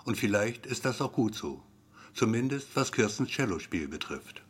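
A man's voice: lowish voice, sing-song, normal speed, husky. A man reading a story aloud in a wry, repetitive storytelling manner. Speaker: narrator.

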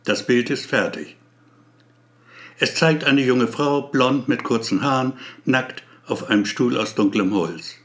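A man narrating a story aloud in a measured way. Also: medium pitch.

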